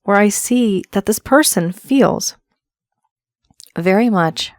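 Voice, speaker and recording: A woman's voice: medium pitch, lively intonation, takes it slowly, no echo, studio quality. A woman giving an earnest tarot reading, her voice still worn from the flu, repeating phrases for emphasis. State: voice affected by flu. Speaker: tarot reader.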